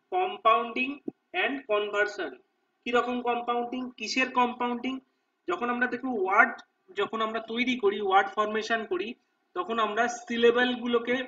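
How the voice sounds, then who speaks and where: A man teaching exam preparation, reading English answer options slowly and explaining them, often checking "okay?" with listeners. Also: extremely high pitch, bright, forceful tone, far from the mic, dull audio. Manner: reads English options slowly, explains in Bengali with repeated "ঠিক আছে?". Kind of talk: Bengali lesson walking through multiple-choice questions.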